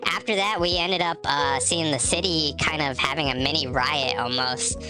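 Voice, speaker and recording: A game streamer with a notably low voice, nasal and congested from allergies, chats loosely with her live-stream viewers at a normal speed and with fairly even intonation. She laughs readily and greets people by name between stretches of rambling talk, with clear music playing beneath her.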